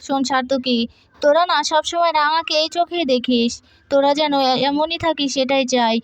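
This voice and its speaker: A stern, scheming matriarch who lectures the family and gives orders, read by a woman narrator. The voice stays high and close, with no room around it. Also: steady tone, moderate pace, no room sound, close to an everyday voice. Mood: lecturing.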